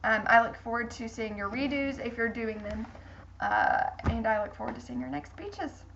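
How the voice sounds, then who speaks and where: A woman's voice: fairly high pitch, big pitch swings, moderate pace, background noise. A woman teaching a public speaking class in an earnest, repetitive lecture style with frequent ums. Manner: earnest, repeats key points, frequent ums. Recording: dull lo-fi recording.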